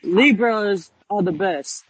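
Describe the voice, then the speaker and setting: A man's voice: high-pitched, takes it slowly, over a noisy crowd, rough recording. A man in casual online banter with a pleading manner, often addressing others as bro. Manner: pleading, repeatedly says bro.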